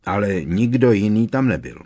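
A man's voice: lowish voice, big pitch swings, a little mellow. Man reading an earnest teenage wizard boy.

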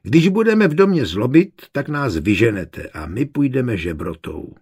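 A wary little boy, earnest and a bit blurting, with a faintly husky, breathy edge, as a male narrator puts him on. Heard in a storybook audiobook, his voice is a little raised from the reader's own. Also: medium pitch, very animated, a little mellow.

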